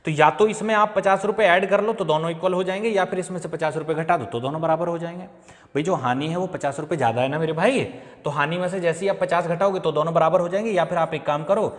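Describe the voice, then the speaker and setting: A man's voice: fairly high pitch, fast talker, big-room sound. A man teaching an exam-prep maths lesson, walking through each step and often checking that students follow. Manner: chatty, repeats steps and checks understanding.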